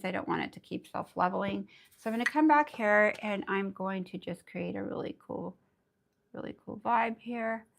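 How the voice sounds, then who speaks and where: A woman with a raspy voice, under the weather, teaching nail art in a bubbly, chatty live tutorial. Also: medium pitch. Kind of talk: casual live tutorial chat.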